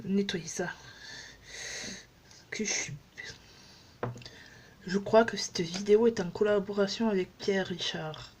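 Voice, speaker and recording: A woman's voice: medium pitch, slow, pauses often, darkish tone, a little hiss or hum. Chatty rambling woman beauty vlogger. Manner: chatty, rambling, self-mocking with many fillers. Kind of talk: casual makeup demo chat. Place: at home.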